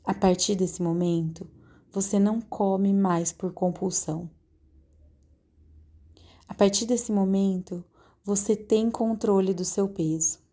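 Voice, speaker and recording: Woman, guided meditation, slow soothing delivery, warm mellow tone. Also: mid-range voice. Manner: slow, soothing, calmly directive.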